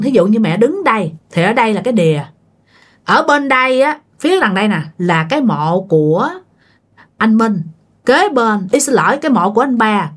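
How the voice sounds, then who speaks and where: A woman telling a ghost story in a casual, chatty way, often speaking straight to her listeners. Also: mid-range voice. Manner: chatty, addresses listeners directly.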